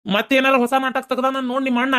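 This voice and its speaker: Low, grumpy old husband. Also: female voice, level tone, very fast, fairly bright tone. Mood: grumbling. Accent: North Karnataka Kannada. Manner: grumbling, dismissive. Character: grumpy older husband, gruff.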